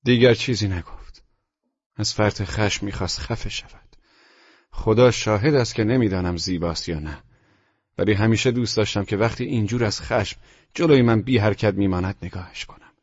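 Husky man narrating a novel. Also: on the low side, no echo, lo-fi sound. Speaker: audiobook narrator. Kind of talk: first-person literary narration.

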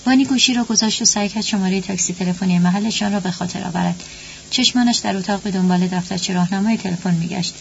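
A woman narrating a story at a steady, even pace. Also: medium pitch, vocal fry. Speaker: audiobook narrator. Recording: dull lo-fi with faint hum.

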